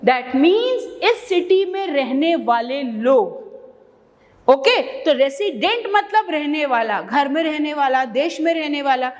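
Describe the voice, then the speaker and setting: A woman from India with an Indian English accent, teaching an English vocabulary lesson, stressing each word with slow care and breaking into quick asides. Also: sits high, animated, in a large hall. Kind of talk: bilingual classroom lesson.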